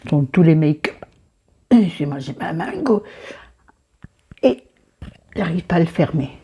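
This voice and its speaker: In a muffled recording from a camera facing her mirror, a book vlogger with a southern French accent talks casually about a book while doing her makeup at her dressing table. Her voice is deep, dark and husky, slow but with lively intonation. She rambles, goes off on tangents and talks to herself.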